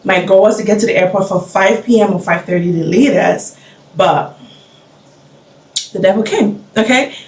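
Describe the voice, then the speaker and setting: A young woman vlogger excitedly retelling a travel mishap in a casual, dramatic storytelling way. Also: medium pitch, moderate pace, long pauses. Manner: animated, dramatic retelling with frequent "okay?" asides. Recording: roomy sound, mic at a distance.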